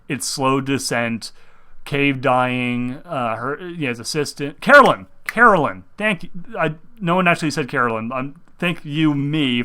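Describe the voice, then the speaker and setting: A young man hosts a casual chat about games, rambling loosely and often breaking off to restart mid-thought. His mid-range voice is bright, forward and clean, and it jumps up with excitement whenever an idea grabs him.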